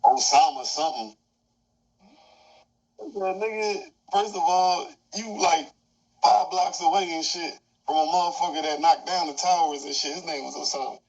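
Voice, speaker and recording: A man's voice: on the high side, normal speed, a little mellow, muffled recording. A man in a casual roundtable chat, talking bluntly and profanely with emphasis.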